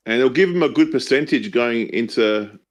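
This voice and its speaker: A man's voice: medium pitch, expressive, normal speed. A man co-hosting a casual sports podcast, chiming in with short, confident remarks. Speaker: podcast co-host.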